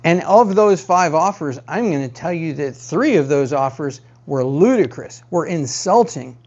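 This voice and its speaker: A man's voice: fairly high pitch, animated, measured pace, a little mellow, highs cut off. Emphatic man giving real estate advice. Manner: emphatic, repeats key phrases for stress. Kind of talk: direct-to-camera advice talk.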